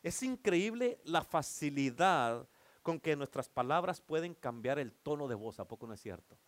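A man preaching from the pulpit, his voice sitting a bit higher than most men's. He teases his listeners and keeps asking for amens. The sound is dry and close, with almost no room echo. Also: lively intonation, normal speed. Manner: playful, teasing preacher who keeps calling for amens. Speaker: pastor. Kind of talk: sermon. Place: church.

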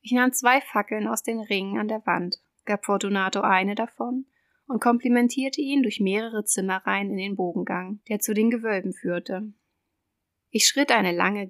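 A woman narrating a dark tale in the first person, in a measured, controlled, coldly deliberate way. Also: medium pitch, no echo, clean studio sound. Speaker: audiobook reader.

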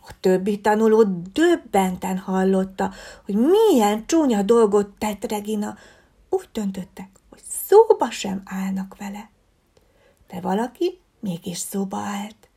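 A woman reading a children's story aloud in a soft, breathy narrating voice. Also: mid-range voice, lively intonation.

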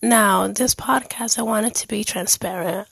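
A woman's voice: mid-range voice, moderate pace, gravelly, a bit bright, husky, no echo, poor audio. A woman hosting her own podcast, talking candidly and earnestly about her life in a heartfelt monologue. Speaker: podcast host.

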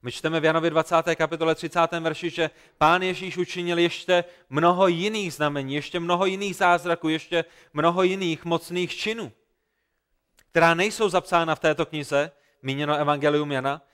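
A man delivers a sermon, retelling scripture with earnest, emphatic repetition. His voice is smooth and clear. It sits a little higher than most men's. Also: fairly even intonation, a bit bright. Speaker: pastor.

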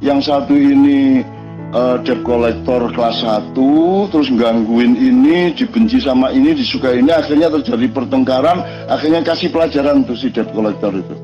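A religious speaker from East Java, Indonesia, gives an informal lecture in his East Javanese accent, rambling conversationally and asking plenty of rhetorical questions. His medium-pitched voice is expressive and moderately paced, with music in the background and the high frequencies cut off.

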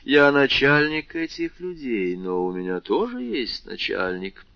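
A man reading as a cool deadpan bandit chief. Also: medium pitch, creaky, no room sound. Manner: unhurried, deadpan. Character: calm, phlegmatic male bandit chief, coldly ironic. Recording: slightly muffled dry recording.

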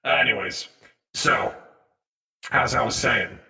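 A man's voice: sits low, big pitch swings, takes it slowly, bright, forceful tone, roomy sound. A man talking through a voice changer mixed with auto-tune, a tabletop game player roleplaying in blunt, teasing banter. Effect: voice changer filter mixed with auto-tune.

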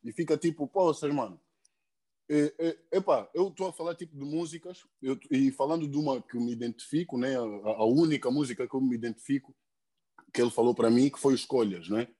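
A man's voice: medium pitch, fairly quick, mellow. A young man, talking earnestly as a podcast guest, stumbling over repeated words and tags. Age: young adult. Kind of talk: casual chat.

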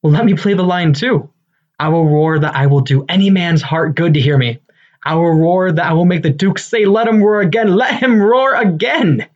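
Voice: mid-range voice, normal speed, close to an everyday voice. A self-important amateur thespian of a man, as an actor plays him, declaiming eagerly and bombastically. It is Shakespearean comedy, in a slightly dull recording. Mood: boastful. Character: Bottom, boastful, eager amateur-actor weaver, adult man.

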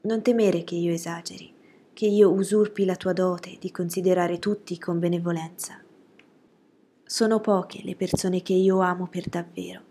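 A woman voicing a frank, sharp-witted young woman, speaking low, hushed and breathy with pointed judgements.

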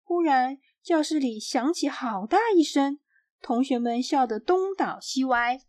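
A woman reading a children's storybook aloud in a clear, expressive way. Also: sits high, measured pace, no room sound, studio quality.

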